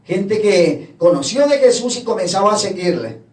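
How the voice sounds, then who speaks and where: A man's voice: sits high, sing-song, normal speed, a little mellow. A man preaching a sermon, retelling gospel scenes and voicing the people in them. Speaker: pastor. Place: church hall. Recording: echoey church from far off.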